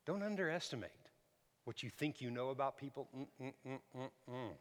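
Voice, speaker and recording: A man in his sixties preaching a sermon, swinging from loud emphatic lines to soft near-whispers and asking for amens. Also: mid-range voice, lively intonation, a little fast. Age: 60s. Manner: repeats words and asks the crowd for amens. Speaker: pastor. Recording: long hall reverb.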